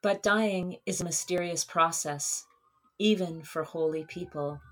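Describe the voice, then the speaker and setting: A woman narrates a personal memoir in a fairly low voice. She reads in a measured, earnest way, letting each phrase sink softly at its close. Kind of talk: reading a memoir aloud.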